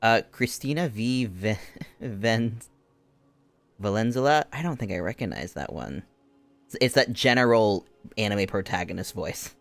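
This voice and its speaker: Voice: medium pitch, animated, a little slow, no echo. A game streamer chatting casually while playing, with playful, amused asides. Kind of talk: casual commentary while playing a game, reading dialogue aloud.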